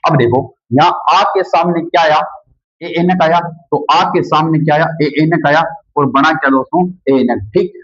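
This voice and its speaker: Husky teacher quizzing his students. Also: on the high side, moderate pace, fairly bright tone. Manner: repeats key words as questions to students; calls students "friends" often. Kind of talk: grammar lesson at a board. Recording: dull lo-fi sound.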